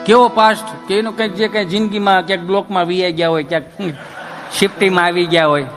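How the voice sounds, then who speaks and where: A man's voice: sits high, steady tone, fast, music in the background. A middle-aged man, a folk comedian telling stories and teasing and lecturing his listeners in a playful, preachy way. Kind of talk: comic dayro storytelling to an audience.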